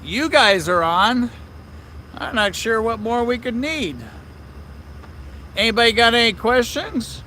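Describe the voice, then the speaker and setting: A man's voice: very high voice, a little slow, pauses often, sharp tone, slight background noise. A man hosting a live stream from trackside outdoors at night, chatting upbeat and straight to his viewers. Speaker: railfan livestream host. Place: outdoors trackside in a small town downtown at night.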